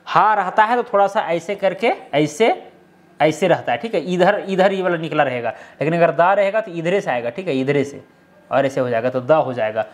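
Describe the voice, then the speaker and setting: A man's voice: a little high, expressive, moderate pace. A man explaining a script lesson step by step, often checking in with the viewer. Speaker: teacher.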